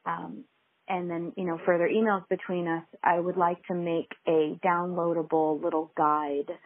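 Give me a hesitant woman host heard through a tinny, low-quality phone recording, her voice a little low and husky, with many ums and restarts. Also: flat delivery, normal speed. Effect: low-quality recording made over a phone. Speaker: podcast host. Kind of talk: conversational interview.

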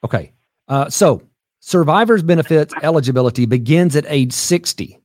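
A man's voice: on the high side, lively intonation, moderate pace, a little mellow, no echo. Guy hosting a call-in advice show, patient plain explainer, dry close sound. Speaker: host.

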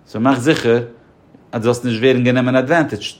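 A man's voice: medium pitch, fairly even intonation, fairly quick, a little hiss or hum. A man as a podcast guest giving insurance advice, emphatic and explaining through examples. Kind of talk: casual podcast conversation.

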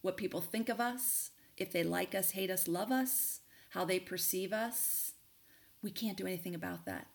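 A woman's voice: fairly low pitch, moderate pace, vocal fry. Candid middle-aged woman telling a story. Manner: candid, conversational, with frequent fillers. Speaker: podcast host and coach. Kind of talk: personal storytelling and advice.

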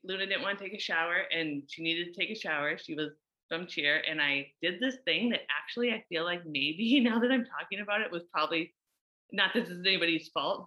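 A woman's voice: fairly low pitch, sharp tone, lo-fi sound. A woman in her thirties, a mother, talking candidly through a personal reflection with many fillers.

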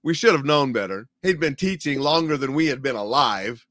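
A middle-aged man casually telling a personal story, animated and chuckling now and then as he goes. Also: mid-range voice, normal speed, no echo.

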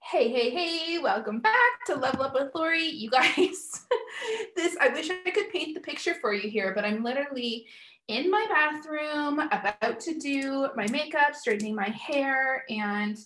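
A woman's voice: high-pitched, expressive, a little slow, fairly bright tone, slight background noise. Chatty woman podcasting from an echoey bathroom. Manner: chatty, upbeat, talks straight to listeners. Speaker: podcast host and business coach. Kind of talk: casual solo podcast monologue. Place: home bathroom. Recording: echoey bathroom with faint music.

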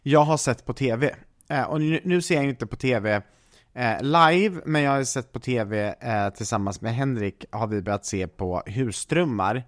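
A man co-hosts a relaxed podcast, telling a long story with plenty of hesitations. His delivery is chatty and meandering. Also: mid-range voice. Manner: rambling, many restarts and fillers when telling stories. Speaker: podcast co-host. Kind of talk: casual chat.

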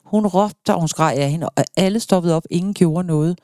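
A woman's voice: on the low side, dark tone, no echo, studio quality. A middle-aged woman, a podcast guest, telling personal stories earnestly in a casual conversation. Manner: earnest storytelling.

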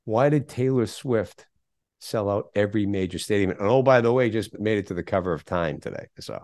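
A man's voice: fairly low pitch, lively intonation, brisk, darkish tone, no room sound, clean studio sound. A middle-aged man, a guest on a podcast interview, speaking emphatically and firing off rhetorical questions. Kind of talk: conversational interview.

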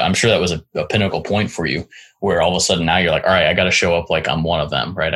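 A man hosts a relaxed interview in a very deep voice with a husky edge. He circles his points, restarts sentences and keeps checking in with "right?" The tone stays conversational throughout. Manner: rambling, many restarts and "right?" tags. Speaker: podcast host.

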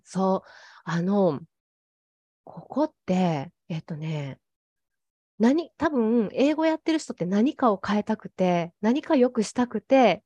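A woman guest talking thoughtfully about her coaching, pausing often with fillers. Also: medium pitch, dark tone, no room sound, lo-fi sound. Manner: thoughtful, pauses with frequent fillers. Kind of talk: casual interview talk.

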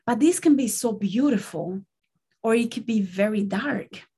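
A woman with a husky, gravelly voice speaks in a reflective vlog. She is earnest and gentle and turns often to the viewer with questions. Her voice sounds strained, as if she is losing it. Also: a little high, expressive, a little slow. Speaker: spiritual content creator.

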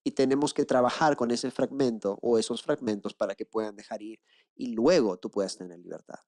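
Preaching as an inner-healing coach, this man is animated, voicing the people he cites and posing rhetorical questions. For emphasis he slows his delivery and lowers to a quiet hush.

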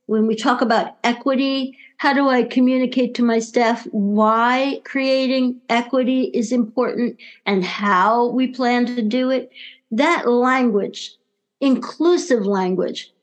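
A woman's voice: fairly high pitch, measured pace, poor audio. Woman with a New York accent. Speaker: language coach, podcast guest. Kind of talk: casual interview conversation.

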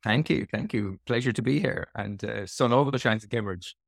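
A middle-aged man from the west of Ireland speaks with that region's accent in a low voice. He answers interview questions in a reflective, explanatory way. The sound is dry, with very little room in it. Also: normal speed, vocal fry, no room sound. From Sligo, west of Ireland. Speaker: interview guest, physiotherapist.

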